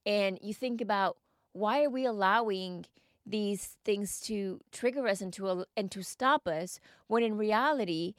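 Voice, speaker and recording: An American woman hosts a solo mindset podcast, guiding the listener through reflective questions in a coaching manner. Her voice is mid-range, and the studio-quality recording has no room sound.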